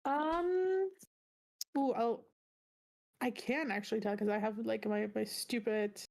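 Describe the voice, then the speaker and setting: A woman's voice: on the high side, slow pace, darkish tone. A young woman co-hosting a casual podcast, bubbly and giggly with lots of fillers. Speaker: podcast co-host. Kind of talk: casual chat.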